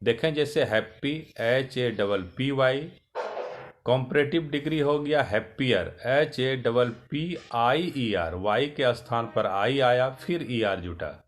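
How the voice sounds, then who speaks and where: A male teacher giving a slow grammar lesson, spelling out words letter by letter. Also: medium pitch.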